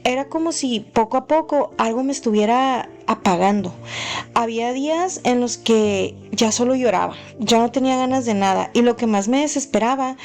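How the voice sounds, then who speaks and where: Woman with a high voice telling a ghost story. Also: darkish tone. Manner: earnest, unhurried storytelling with frequent fillers. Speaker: channel host. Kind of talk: narrating a personal paranormal story.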